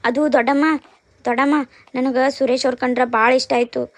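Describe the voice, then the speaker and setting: A woman voicing a young bride in a cartoon, with a North Karnataka Kannada accent and a soft, pleading manner. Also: high-pitched, flat delivery, moderate pace, no room sound. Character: young bride defending her elopement. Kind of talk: cartoon dubbing.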